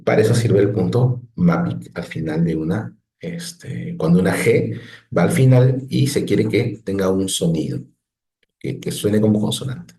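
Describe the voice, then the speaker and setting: Low, mellow-voiced male teacher. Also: expressive, measured pace, echoey room. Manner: patient, explanatory, frequent "¿no?" checks and restarts. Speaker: Biblical Hebrew teacher. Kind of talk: online lesson explaining on a screen.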